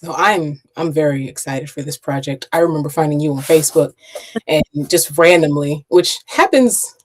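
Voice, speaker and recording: A woman hosting a casual interview over a video call, animated and chatty. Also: sits low, moderate pace. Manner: animated, chatty, laughs often. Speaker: podcast host.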